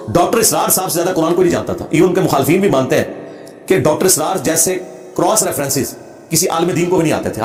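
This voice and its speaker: Male religious lecturer, combative and emphatic, fast delivery, roomy echo. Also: fairly high pitch. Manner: emphatic and combative, demonstrates Arabic recitation. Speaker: religious speaker. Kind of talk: lecture answering a question.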